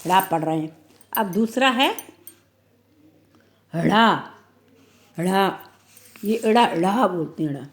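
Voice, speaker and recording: Slow, drawn-out teacher woman. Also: mid-range voice, lively intonation. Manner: slow, drawn-out word-by-word reading; asks questions and answers them herself. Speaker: primary school teacher. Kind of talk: online phonics lesson.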